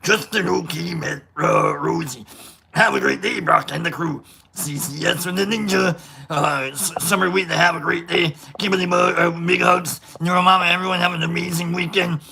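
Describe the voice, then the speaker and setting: A streamer voicing a gravelly, greedy cookie-loving male monster, calling out loud, rowdy shout-outs. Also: mid-range voice, animated, moderate pace, slight background noise, voice pushed down, full character voice.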